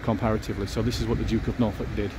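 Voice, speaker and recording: A man with a lowish, level voice talks very fast as he gives a casual walking-tour commentary on a city street. He muses aloud with fillers, and street noise can be heard behind him.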